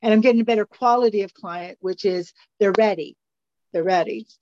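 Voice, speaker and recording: A woman's voice: medium pitch, fairly quick, a little mellow, a little hiss or hum. A woman on a video call sharing her business experience in a casual group discussion, hesitant and restarting her sentences. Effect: heard over a video call. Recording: dull lo-fi video call audio.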